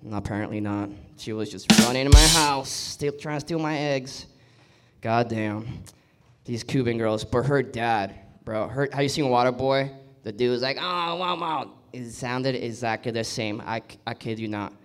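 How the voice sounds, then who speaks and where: A man's voice: medium pitch, fairly even intonation, moderate pace, clear, resonant tone. A young man telling a loose, slangy stand-up story on stage. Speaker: stand-up comedian. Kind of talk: stand-up set.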